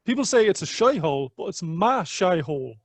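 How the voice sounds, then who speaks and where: A man putting on a Dublin accent to voice a local man talking fondly about his rough hometown, in a slow, mock delivery. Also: high-pitched, very animated, no echo, pitched above the performer's own voice, heavily acted. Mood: mock gruff.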